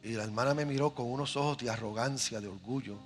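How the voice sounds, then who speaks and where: A man's voice: medium pitch, quick pace. A middle-aged man, preaching as a pastor and telling a story with dramatic pacing. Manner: dramatic, acts out voices in his stories. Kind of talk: sermon with storytelling. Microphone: handheld microphone. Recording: faint music behind the voice.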